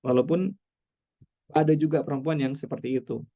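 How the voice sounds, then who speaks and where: A man's voice: a little high, normal speed, highs cut off. A man with an Indonesian accent, a psychologist giving a chatty, reassuring parenting webinar talk with laughs between points. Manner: warm, reassuring, repeats "nggak apa-apa" and "ya". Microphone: webinar computer mic.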